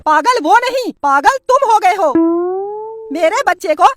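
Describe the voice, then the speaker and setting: A voice doing a shrill scolding wife. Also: animated, unhurried, music in the background. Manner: scolding, sarcastic. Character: sharp-tongued scolding wife and mother. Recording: noisy recording.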